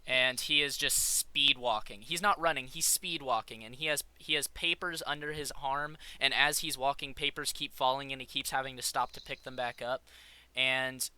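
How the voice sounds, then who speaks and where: A man's voice: mid-range voice, steady tone, moderate pace, sharp tone, clear, resonant tone, dry recording. A man running a tabletop game, narrating in a rambling way with frequent fillers and restarts. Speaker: game master.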